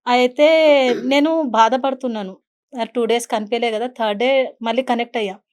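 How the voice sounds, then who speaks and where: Fast-talking earnest woman guest. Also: on the high side, steady tone. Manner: earnest, mixes English words into her speech. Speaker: interview guest. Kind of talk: emotional personal storytelling in an interview.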